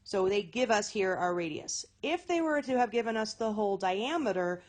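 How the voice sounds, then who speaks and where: A woman's voice: mid-range voice, lively intonation, normal speed. A woman teaching a recorded math lesson. She talks in a chatty way, often corrects herself and checks in with "okay?".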